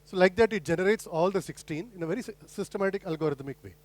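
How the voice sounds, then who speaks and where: A man's voice: high voice, lively intonation, racing. A middle-aged man giving an academic lecture, explaining step by step with rhetorical questions and frequent restarts. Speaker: guest lecturer.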